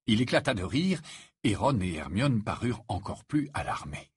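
A man narrating an audiobook in an expressive storytelling manner with a husky voice. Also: on the low side, moderate pace, no echo, studio quality. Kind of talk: scripted narration.

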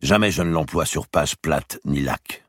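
A man's voice: a bass voice, moderate pace, no echo, studio quality, pitched above the performer's own voice. A man voicing a medieval king in a storybook reading, urgent and commanding. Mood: pondering. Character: medieval male king, bewildered then commanding.

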